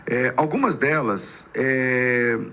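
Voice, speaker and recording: A man hosting a podcast debate as a pastor, laying out a topic in measured, halting questions. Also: medium pitch, bright, forceful tone.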